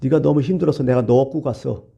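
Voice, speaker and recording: A pastor voicing a gentle male divine Lord who calmly reassures a saint in a sermon story. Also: creaky, highs cut off, close to an everyday voice. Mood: reassuring. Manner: soft, low, slow reassurance.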